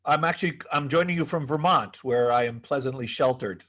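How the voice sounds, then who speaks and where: A middle-aged man, born in the United States but raised in Greece until six with Greek as his first language, speaks as a guest in a remote video interview. His voice is medium-pitched and a bit bright, a little fast, and he comes across as thoughtful, using many fillers and restarts.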